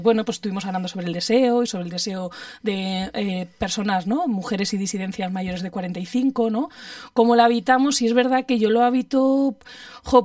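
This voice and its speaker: A woman talks frankly and thoughtfully, often stopping to restart her sentences. Her voice sits at an ordinary pitch and comes from a little way off the microphone. The sound is dry, with no room echo. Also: a little mellow. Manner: reflective, candid, with many restarts. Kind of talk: casual conversation. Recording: voice from a distance off the mic.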